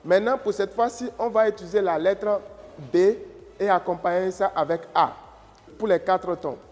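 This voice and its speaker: A man's voice: sits high, normal speed. A man teaching a lesson, patiently explaining and repeating key points. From Africa. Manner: patient, repeats key phrases, checks understanding. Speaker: Mandarin teacher and channel host. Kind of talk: slow explanatory lesson with tone demonstrations. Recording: reverberant room with faint music.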